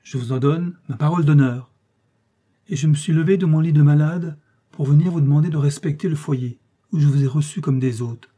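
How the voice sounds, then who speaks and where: A man's voice: fairly high pitch, a little fast, mellow, husky. Man doing a proud, defiant sick father. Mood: dignified. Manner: solemn, dignified.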